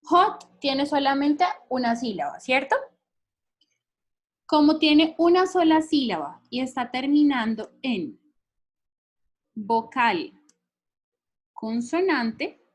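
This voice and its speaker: A woman teacher explaining English grammar rules patiently, often checking that her students follow along. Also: high voice. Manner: patient, checks understanding with frequent questions. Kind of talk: recorded grammar lesson explaining in Spanish.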